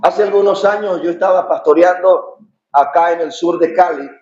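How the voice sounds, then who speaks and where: High-voiced impassioned pastor preaching. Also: male voice, moderate pace. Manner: impassioned preaching, rising to shouts. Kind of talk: sermon. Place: church sanctuary. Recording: echoey, dull church recording.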